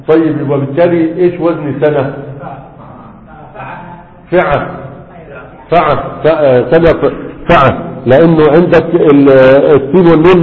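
A man's voice: a little high, in a large hall, phone-quality sound. A man with an Egyptian Arabic accent teaching a classroom grammar lesson. He keeps quizzing his students and stretches out his fillers.

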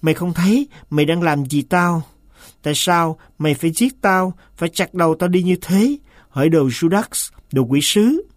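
A nervous, agitated master speaks here, as a man reads him aloud. He turns shrill and hisses when he loses his temper. The recording is dry and close, like a storybook read at the mic. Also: lively intonation, normal speed, dry recording, close to an everyday voice. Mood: shrill, furious. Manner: shrill, hissing when upset.

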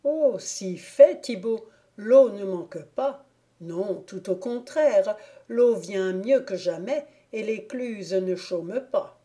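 A woman's voice: medium pitch, animated, takes it slowly, warm tone. Woman doing a lovesick young miller lad. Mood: despairing. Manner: plaintive, impassioned pleading. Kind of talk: audiobook character reading.

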